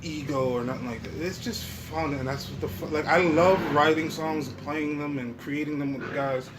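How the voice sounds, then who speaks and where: In a laid-back podcast conversation, this male host speaks at a moderate pace in a steady, fairly high-pitched tone. He curses a lot and keeps things slangy and loose, over clear audio with background noise.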